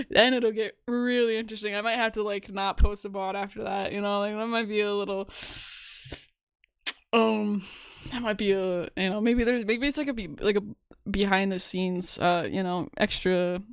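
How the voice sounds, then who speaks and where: A woman's voice: medium pitch, steady tone, normal speed, clean tone, no room sound, clean studio sound. A young woman co-hosting a podcast, chatting casually and rambling with lots of fillers. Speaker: podcast co-host and streamer.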